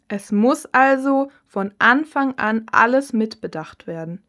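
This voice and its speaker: A woman answering interview questions as a cookbook author in a scripted listening-test recording, in a calm, measured reading. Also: a little high.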